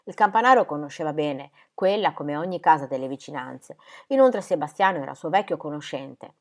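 A woman reading a children's novel aloud with dramatic, expressive delivery. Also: deep voice, a little fast. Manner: animated, dramatic. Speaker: reader.

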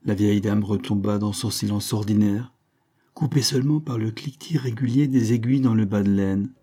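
A man narrating a classic novel in a calm, measured audiobook reading. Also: fairly low pitch. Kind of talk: scripted literary narration.

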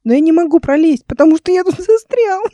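A timid little servant boy with a thin, high, squeaky voice, as a woman reader puts him on. He pleads breathlessly and in a hurry, in a storybook audiobook. The voice is mellow and close, in a dry room. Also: normal speed, no echo, natural voice. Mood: distressed. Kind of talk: audiobook character voice.

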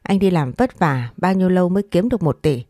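A woman's voice: on the low side, expressive, fast, no echo, studio quality. A woman voicing an angry young husband who scolds his wife. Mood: scolding. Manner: shouting, scolding.

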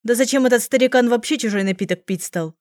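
A woman reading an audiobook, voicing a bitter, jealous young woman tavern-keeper who shouts her accusations. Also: medium pitch, moderate pace, no room sound, studio quality, lightly acted. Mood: indignant.

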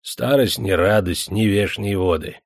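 A man's voice: on the low side, a little slow, no echo, clean studio sound. A man voicing an old male serf who works at a furnace and speaks in a cautious, dignified way, full of proverbs.

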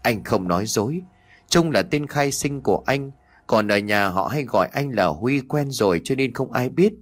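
A man's voice: medium pitch, expressive, normal speed, close to an everyday voice. A man voicing a young deceitful husband who talks in a forced reassuring way, in a spoken ghost story. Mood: reassuring, evasive.

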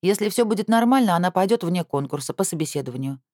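A woman's voice: on the low side, expressive, fast talker, darkish tone, no room sound, clean studio sound, pitched above the performer's own voice. A woman reading aloud and voicing a harried, irritated young female admissions secretary in a storybook reading. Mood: businesslike. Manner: irritated, curt.

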